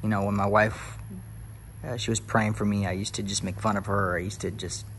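With casual tour-guide energy, a realtor with a fairly low, slightly bright voice shows off an empty new house and calls everyone y'all. Speaking fairly quickly with a flat delivery, he grows more fired up and turns to upbeat, hyped preaching on the covered back patio. It's recorded on a phone with faint room hum behind him.

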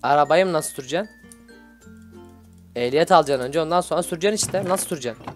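A man hosting a Minecraft role-play video, excitable and scolding with loud exclamations. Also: on the high side, fast, faint music behind. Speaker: gaming video host.

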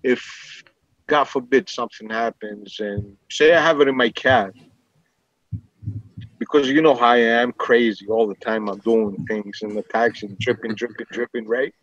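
A middle-aged man with a New York accent chatting casually on a video call, thinking aloud in halting phrases. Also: mid-range voice, steady tone, a bit bright, no echo. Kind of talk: casual chat. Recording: dull lo-fi video-call audio.

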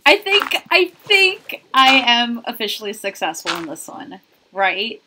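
Young gamer girl, higher voice, chatting excitably while playing, clear noise behind her in a bedroom. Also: unhurried. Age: 20s. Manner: excitable, self-deprecating, talking herself through moves. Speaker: gamer and streamer. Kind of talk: casual gameplay commentary. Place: bedroom, indoors. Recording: clear background noise with clicking.

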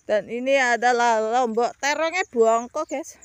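Filming herself by the rice fields with a phone at arm's length, this thirty-something vlogger chats to her audience in a Javanese ngapak accent, wandering from topic to topic and addressing them as guys. Her pitch is a little high, her delivery unhurried, and the tone clean on a dry recording.

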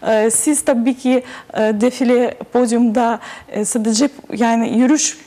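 A young woman with a foreign accent answers interview questions in broken, halting, simple non-native Turkish. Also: fairly high pitch, fairly even intonation, mellow. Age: young adult. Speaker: guest, model and TV presenter. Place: TV studio. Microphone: lapel mic.

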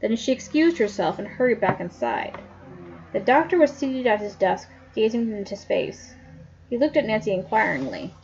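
A woman's voice: medium pitch, expressive, moderate pace, vocal fry, darkish tone, muffled recording, slight background noise. A woman casually reading a mystery novel aloud, with small slips and restarts along the way. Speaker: reader.

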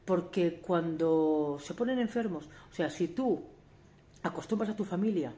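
A woman's voice: on the low side, lively intonation, a little slow, warm tone. A woman in her forties vlogging to camera in a candid, emphatic way, often restarting and asking rhetorical questions. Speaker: family vlogger. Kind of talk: talking to camera.

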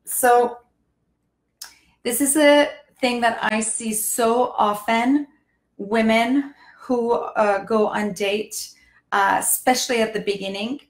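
A woman's voice: on the high side, steady tone, slow, echoey room, rough recording. A woman with laryngitis hosting a live dating-advice stream, chatty and full of fillers and restarts. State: hoarse from laryngitis. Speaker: dating coach and show host. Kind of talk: live-stream talk to viewers.

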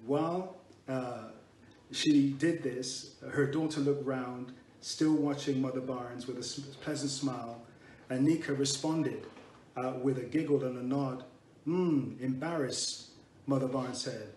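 A man reading a memorial tribute in a measured way, pausing to restart now and then. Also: mid-range voice, steady tone, darkish tone. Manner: measured, reads with small restarts. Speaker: eulogy reader. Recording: roomy and distant with faint noise.

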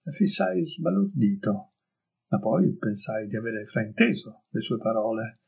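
A man reading a story aloud as an audiobook, in a calm and measured narrating voice. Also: lowish voice, creaky, husky, poor audio. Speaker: audiobook reader.

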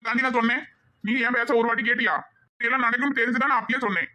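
A man's voice: very high voice, fairly even intonation, racing, sharp tone, exaggerated voice. A man playing a reproachful village husband who lectures his wife in a southern Tamil village dialect. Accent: southern Tamil Nadu village dialect. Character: scolding village husband, told-you-so type.

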